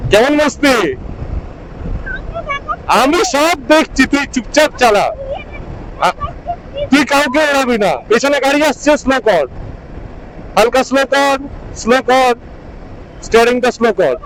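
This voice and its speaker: A man's voice: very high-pitched, slight background noise, rough recording. A man narrating a casual motorcycle travel vlog while riding, chatty and coaching his pillion with short repeated instructions. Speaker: motovlogger. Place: outdoors on a motorbike on the highway.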